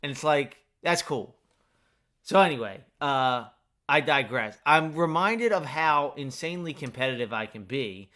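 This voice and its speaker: A man's voice: medium pitch, animated, unhurried, sharp tone. A man streaming a game, talking in a rambling, casual way and interrupting himself while eating lunch, without his usual mic. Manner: rambling, self-interrupting, chatty. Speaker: gaming streamer. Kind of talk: casual live-stream chat while playing. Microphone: not using his usual mic.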